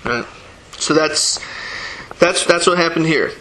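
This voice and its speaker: Heard on a low-quality recording with slight background noise, a man with a slightly high voice and sharp tone works through a Torah text verse by verse. His delivery is halting and full of restarts as he reads Hebrew verses aloud, then translates and explains them.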